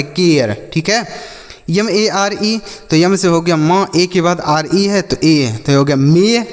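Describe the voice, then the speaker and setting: A man teaching English phonics to children, spelling out words slowly and asking the class to repeat them. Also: fairly high pitch, long reverb tail. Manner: slow, repeats words and asks the class back.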